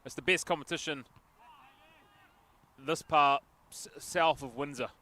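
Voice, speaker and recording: Male commentator, bright and forceful tone, chatty local football coverage outdoors with excited bursts. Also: fairly high pitch, measured pace. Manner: chatty, jokey asides, excited bursts at chances. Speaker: match commentator. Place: outdoors at a local sports field. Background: passing traffic.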